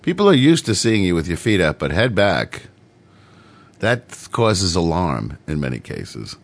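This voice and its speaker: A man's voice: low-pitched, big pitch swings, measured pace. A man hosting a comedic internet radio show, talking in a playful, rambling, mock-grandiose way.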